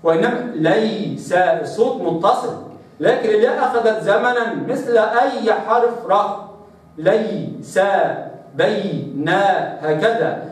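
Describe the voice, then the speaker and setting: A man teaching a Quran recitation lesson, explaining quickly and then stretching words out slowly to demonstrate. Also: high-pitched, lively intonation. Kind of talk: tajweed lesson with slow demonstrations. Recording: loud echo, distant mic.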